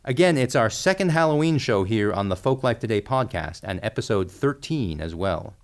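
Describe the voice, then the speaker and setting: A man's voice: on the low side, expressive, moderate pace. A man co-hosting a podcast, presenting segments in a friendly, joking way. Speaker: podcast co-host. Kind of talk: scripted podcast chat.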